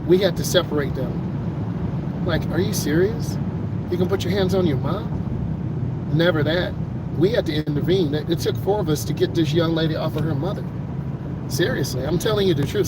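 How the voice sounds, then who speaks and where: A middle-aged American man talking casually as a driving instructor, with streetwise, emphatic, slangy storytelling. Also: a little high. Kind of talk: casual chatty talk during a driving lesson. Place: inside a moving car. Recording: loud car and road noise.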